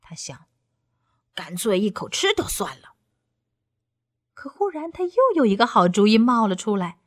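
A woman reading a children's story aloud with expressive, playful emphasis. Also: medium pitch, normal speed.

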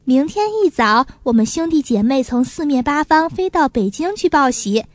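A woman's voice: high-pitched, expressive, dry recording. A woman voicing a kind but busy female magpie who looks after a little pigeon in a children's story. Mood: cheerful. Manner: warm, chiding, hurried.

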